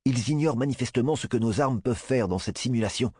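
Storybook boy commander, sharp and decisive, a man reading it, raised pitch, dry close sound. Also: quick pace, breathy edge, no echo, natural voice. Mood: commanding.

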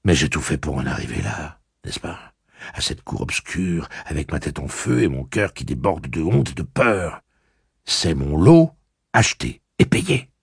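A man's voice: extremely low pitch, sing-song, a little slow, vocal fry, slightly rough, dry recording, studio quality, heavily acted. A man voicing a proud, ashamed young leader. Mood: bitter.

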